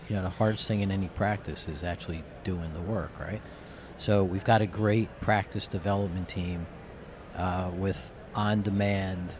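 A middle-aged man from New Jersey speaks low into a handheld mic, his voice hoarse and raspy as if nearly used up. He talks casually and rambles as a colloquial interview guest. Clear background noise surrounds him. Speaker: interview guest, company executive. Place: curtained booth at a convention. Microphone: handheld microphone held close, with headphones.

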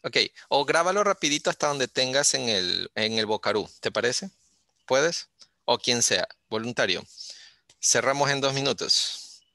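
Bright-voiced encouraging male teacher. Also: medium pitch, expressive, unhurried, no echo. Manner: coaxing and encouraging, switching between English and Spanish. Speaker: English teacher. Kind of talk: online class on a video call. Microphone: video call.

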